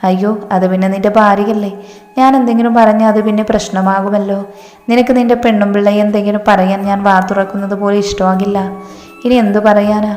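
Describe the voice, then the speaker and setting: A spiteful older mother-in-law, sneering and bossy, voiced by a woman telling a story. Her talk runs level and flat, and there is a roomy echo with faint music beneath. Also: medium pitch, brisk, lightly acted. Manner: sneering, scolding. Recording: echoey room, faint music.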